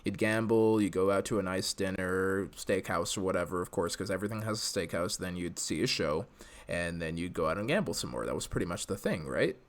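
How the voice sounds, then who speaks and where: An American podcast host with a low voice chats casually and fairly quickly on a live podcast, sharing his opinions in a conversational way.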